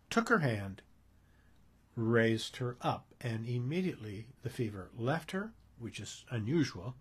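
A man's voice: mid-range voice, slightly rough. A man preaching a sermon, explaining a Bible passage and often restating his words to clarify them. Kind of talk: sermon, expository Bible teaching.

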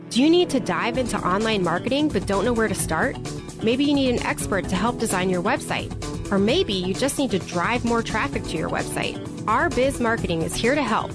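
A woman with a slightly high voice narrates a scripted radio commercial. A music bed runs clearly behind her. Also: lively intonation, a little fast. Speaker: commercial announcer.

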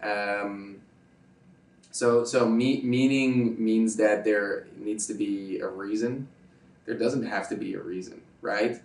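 Here the Netherlands-born YouTuber, a native Dutch speaker, takes his time, his fairly low, darkish voice holding a steady tone as he answers interview questions as a guest. He drives his points home by repeating them and seeking agreement with "right?". The distant mic makes the audio roomy.

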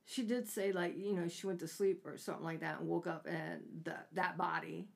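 A woman's voice: on the low side, fairly even intonation, brisk, creaky. A woman co-hosting a casual book discussion, talking hesitantly and trailing off with fillers. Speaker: book podcast co-host.

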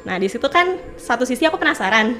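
A young adult woman telling a ghost story in casual chat, animated, acting out the quotes with lots of fillers. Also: a little high, fast talker, soft background music. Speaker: guest storyteller.

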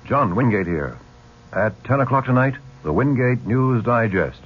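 A man's voice: medium pitch, animated, unhurried, a little hiss or hum. An American man reading a punchy radio news promo as its host, emphatically asking and answering his own questions. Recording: dull lo-fi 1970s radio broadcast.

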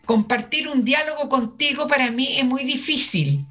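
A woman's voice: high-pitched, normal speed, a bit bright, soft background music. An older woman, the host's mother, speaking on a radio chat in a studio, reticent and dryly terse.

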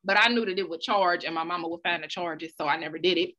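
Bright-voiced, animated woman chatting. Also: on the low side, fast. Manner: animated storytelling, acts out her own past thoughts. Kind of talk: casual chat.

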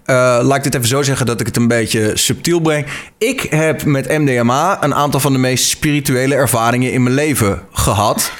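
A man who hosts a relaxed panel chat. He talks quickly, circles back on his own words and restarts sentences as he thinks aloud. His pitch sits in an ordinary middle range. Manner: rapid, thoughtful, many restarts. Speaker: host. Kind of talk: casual panel discussion.

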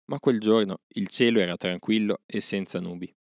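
A man narrating a classic jungle story as an audiobook in a steady, even storytelling manner. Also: lowish voice, normal speed, no room sound, studio quality.

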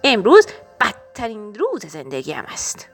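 A woman's voice: on the high side, expressive, fairly bright tone, soft background music. A woman reading a storybook, voicing a grumpy young boy turtle who whines and sulks. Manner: sulky, whining.

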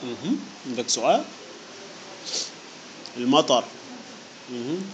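A man's voice: medium pitch, very animated, a little slow, lo-fi sound, slight background noise. A man teaching an Arabic grammar lesson to students in a classroom, explaining patiently with worked examples, repeating key points and checking that they understand. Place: teaching room with students present.

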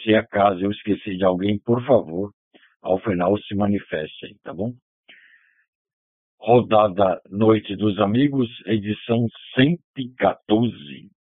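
A man's voice: lowish voice, dry recording, narrow, tinny audio. A man running and closing an amateur radio net, reading out call signs in the phonetic alphabet, heard over a digital ham radio link. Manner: steady, reads call signs in the phonetic alphabet, keeps asking "tá bom?". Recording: thin, dry digital radio audio.

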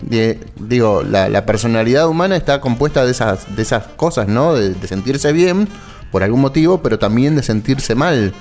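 A man with an Argentine Spanish accent, co-hosting in a calm, reflective, reassuring way. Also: medium pitch, moderate pace, soft background music. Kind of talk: casual on-air chat.

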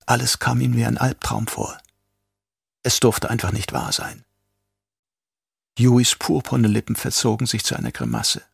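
Gravelly man reading an audiobook. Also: medium pitch, big pitch swings, measured pace, long pauses, no room sound. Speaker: audiobook reader. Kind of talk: scripted narration. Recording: dry close recording.

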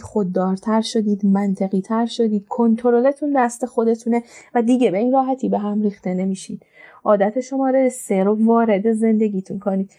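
A woman's voice: fairly high pitch, mellow. A woman speaking as a personal development coach on a motivational podcast, urging listeners directly and repeating her points.

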